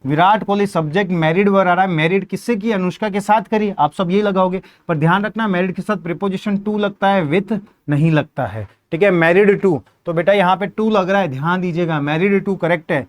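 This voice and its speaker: A man's voice: sits high, normal speed, few pauses. A male teacher, giving an exam-prep English grammar lesson, repeating points, quizzing students and spelling words out letter by letter.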